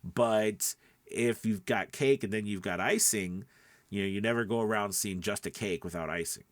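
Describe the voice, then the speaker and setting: Speaking at a normal pace with no room sound, a man with a lowish voice talks like a voiceover coach and podcast host. It's casual, conversational instruction with plenty of emphasis and frequent check-ins with whoever's listening.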